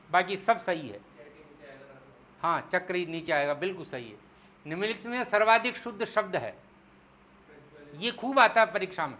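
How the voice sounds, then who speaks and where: A man teaching Hindi spelling in an exam-prep lecture, explaining step by step and slowing down to spell out syllables. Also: high voice, pushed and bright. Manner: explains step by step, asks the class "clear?".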